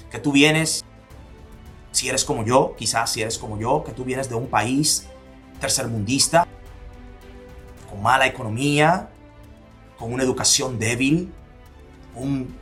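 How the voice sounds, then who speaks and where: A motivational speaker from the Dominican Republic, with a Dominican Spanish accent, fires off repeated rhetorical questions and drops to near-whispers for emphasis. His mid-range voice has a fairly bright tone.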